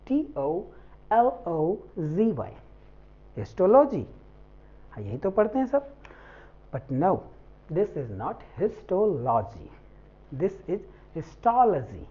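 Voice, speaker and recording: Woman English tutor, very slow and deliberate, lively pitch, dull lo-fi mic. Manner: slow, deliberate, spelling words out letter by letter; switches between English and Hindi. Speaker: English teacher. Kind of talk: spoken English lesson. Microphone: faulty mic.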